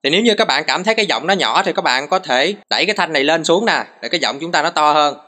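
A man's voice: on the high side, expressive, fast talker. A man walks through a phone recording tutorial step by step, patient and full of short repeated cues.

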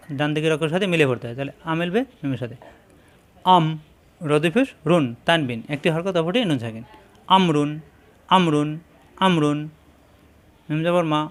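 A man teaching Quran reading, slowly spelling out and repeating syllables in a patient drilling lesson, with a Bangladeshi Bengali accent. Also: a little high. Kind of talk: slow spelled-out recitation lesson.

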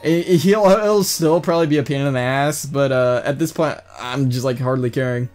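A man's voice: mid-range voice, normal speed, darkish tone, faint music behind. A man casually commenting on his own strategy game play, laid-back, swearing a lot and laughing easily. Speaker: gameplay commentator. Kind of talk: casual gameplay chat.

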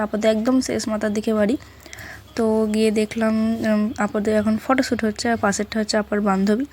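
A woman's voice: on the high side, darkish tone, slight background noise. A young woman, chatting casually as a vlogger about her day, rambling from one thing to the next. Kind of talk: casual vlog narration. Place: outdoors then indoors at a home.

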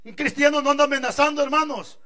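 A male pastor with a Guatemalan accent, giving an animated sermon with shouting and jokes. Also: very high voice, quick pace. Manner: shouting, joking, animated preaching.

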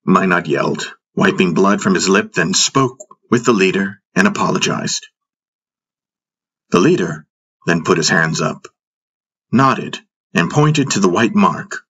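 A man narrating a fantasy audiobook in first person, steady and measured. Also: sits low, slightly rough, highs cut off.

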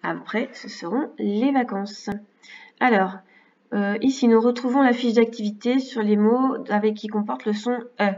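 A woman's voice: a little high, darkish tone. French schoolteacher woman, patient step-by-step correction, dull distant recording. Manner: slow, careful, explains step by step. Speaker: primary school teacher. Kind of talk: correcting exercises for young pupils. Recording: distant, slightly dull mic.

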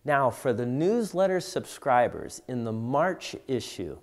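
Demonstrating tools in his indoor home workshop, a woodworking instructor in his forties explains them plainly and steadily. He speaks at medium pitch in a sing-song, slightly slow way.

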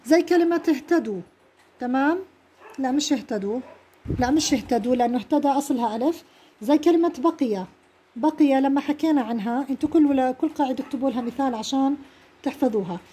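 A woman's voice: a little high, warm tone, a little hiss or hum. A woman with a Levantine Arabic accent teaching a grammar lesson. She explains step by step and keeps checking that students follow.

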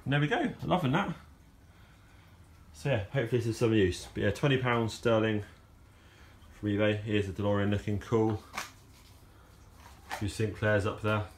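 With slight background noise, a man with a fairly low-pitched voice speaks at a moderate pace, leaving long pauses. The car owner vlogger talks casually through a how-to project in an outdoor garage yard, filming it on a phone camera he holds and rambling with fillers and restarts.

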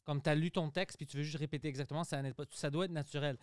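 A man's voice: a little high, steady tone, fast talker, smooth, dry recording, clean studio sound. A man, a comedian guest on a podcast, speaking earnestly and emphatically in casual chat.

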